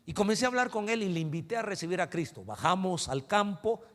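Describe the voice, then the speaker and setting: A man preaches a storytelling sermon at a conference. His voice sits a bit high and swells toward loud, fervent climaxes. The long reverb of a large hall trails each phrase. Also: animated, fast talker. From Guatemala. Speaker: pastor.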